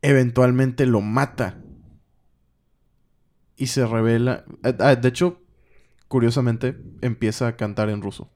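A man's voice: medium pitch, a little slow, long pauses. A man, co-hosting a casual podcast and animatedly retelling a comic plot. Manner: animated retelling, acting out lines. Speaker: podcast co-host. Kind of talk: casual comic recap chat.

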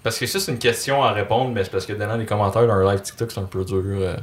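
A man's voice: on the low side, quick pace. A man with a Quebec French accent hosting a podcast, rambling casually with lots of fillers and laughs. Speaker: podcast host. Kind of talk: casual chat.

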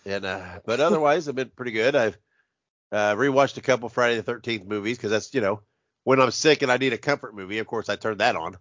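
A man with a stuffy, congested voice that sounds like he is inside a box, chatting casually and haltingly as a podcast host while sick. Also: medium pitch, a bit bright, no room sound, muffled recording. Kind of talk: casual horror movie review podcast chat.

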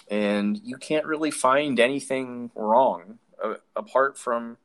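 A man narrating as game master in a tabletop game, easygoing and descriptive. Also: fairly low pitch. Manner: easygoing, descriptive with fillers like "kinda".

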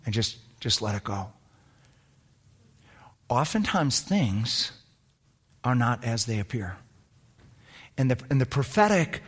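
Animated storytelling male preacher. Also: husky. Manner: animated, swings between loud emphasis and hushed low tones. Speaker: pastor. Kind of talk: storytelling sermon.

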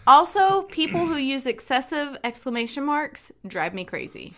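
A woman co-hosting a chatty podcast, emphatic and opinionated as she mock-rants. Her voice sits high and bright, with lively swings in pitch. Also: normal speed. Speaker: podcast co-host. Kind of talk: casual chat.

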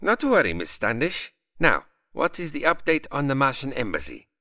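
An actor playing a formal, impatient gentleman boss in a period radio comedy. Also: mid-range voice, huge pitch swings, normal speed, full character voice.

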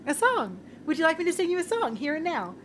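A woman's voice: very high voice, very animated, quick pace. A woman voicing a vain, pompous female diva singer who is condescending and cruel, in a comedy audio drama. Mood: haughty. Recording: audible background noise.

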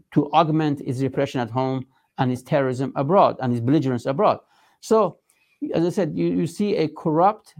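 Persian-accented male spokesman, gravelly creak. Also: mid-range voice, darkish tone. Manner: halting, emphatic, formal wording. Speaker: resistance movement spokesman being interviewed. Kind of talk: spoken interview, political advocacy.

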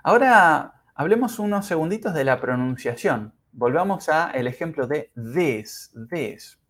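A man teaching English pronunciation in a podcast lesson, speaking carefully and demonstrating sounds slowly. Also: on the high side, lively intonation, fairly bright tone. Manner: slow, careful, exaggerated pronunciation drills.

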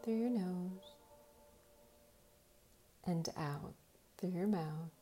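A woman speaking as a slow, soothing hypnotist, guiding relaxation in short soft phrases with long pauses. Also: lowish voice. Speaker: host of guided meditation and hypnosis sessions. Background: faint music.

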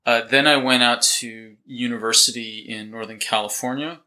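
Very bright-toned American man, talkative guest. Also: medium pitch, fairly even intonation, normal speed, poor audio. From United States, near Boston. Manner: talkative, self-correcting, wry. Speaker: chiropractor, podcast guest. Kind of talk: casual podcast chat.

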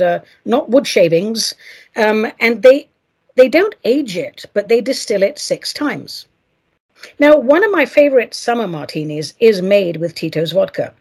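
A woman's voice: medium pitch, breathy edge. A middle-aged woman hosting a solo podcast, reading listener mail with playful, theatrical asides. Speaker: podcast host.

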